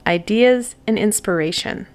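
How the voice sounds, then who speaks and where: In a medium-pitched voice, a woman reads spiritual oracle cards for the people watching. She sounds gentle and reassuring and leaves considered pauses between thoughts.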